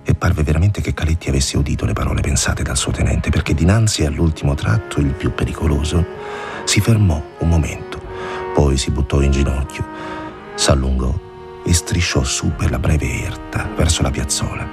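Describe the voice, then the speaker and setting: A man reading a literary story aloud in a measured, deliberate narration. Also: a bass voice, gravelly, over music.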